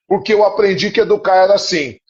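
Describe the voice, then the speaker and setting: A man's voice: high voice, quick pace. A man, a psychoanalyst guest, telling a personal story in an earnest, confessional way. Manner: earnest, confessional, often asks "entende?". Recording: muffled live-stream audio.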